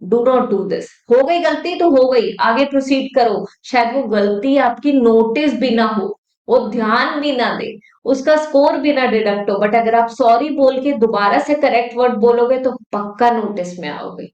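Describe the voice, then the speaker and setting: A woman's voice: fairly high pitch, unhurried, darkish tone. A woman with an Indian accent, teaching exam strategy in a patient tutorial style and often checking that her students follow. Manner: patient, repeats points with frequent checks for understanding. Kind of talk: tutorial explaining test strategy. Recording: roomy, dull lo-fi sound.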